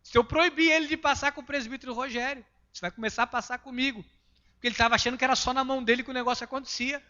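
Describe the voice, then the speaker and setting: A Brazilian pastor preaching a sermon emphatically, swinging between loud passages and hushed ones. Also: male voice, extremely high pitch, fairly even intonation, very fast, lo-fi sound. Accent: Brazilian Portuguese.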